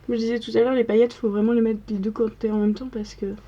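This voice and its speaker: Soft-toned young woman narrating makeup. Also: a little high, level tone, fast talker, lo-fi sound. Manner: chatty, step-by-step narration. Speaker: makeup vlogger. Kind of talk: casual makeup tutorial talk.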